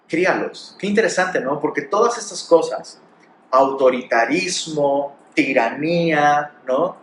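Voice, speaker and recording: A man's voice: on the high side, echoey room, a little hiss or hum. A man with a Mexican Spanish accent preaching a sermon, pressing his points with rhetorical questions and acted quotes. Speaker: pastor.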